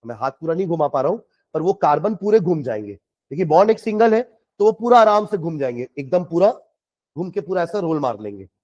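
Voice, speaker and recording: Man teaching chemistry, high voice, dictates notes slowly, dull lo-fi sound. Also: big pitch swings, darkish tone. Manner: explains patiently, repeats dictation slowly, asks students questions. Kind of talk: classroom lecture, dictating notes.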